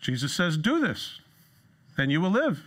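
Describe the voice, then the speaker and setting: A middle-aged man preaching from a church stage, lively and sarcastic, jumping into a higher voice when he quotes someone. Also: measured pace. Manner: lively, jumps into a high voice for quoted lines. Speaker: pastor. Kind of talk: sermon.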